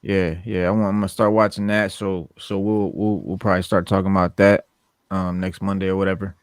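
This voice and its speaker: Chill guy co-hosting a live hangout show, lowish voice, dry sound, video call. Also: level tone, fairly quick, smooth, no room sound. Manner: laid-back, repeats phrases. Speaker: podcast co-host. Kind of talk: casual chat.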